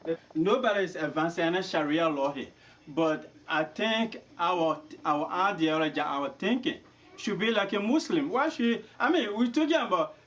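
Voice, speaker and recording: A man's voice: sits high, lively intonation, moderate pace, fairly bright tone, far from the mic. A man objects during a meeting, repeating his phrases as he presses his point. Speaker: meeting member. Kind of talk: meeting debate.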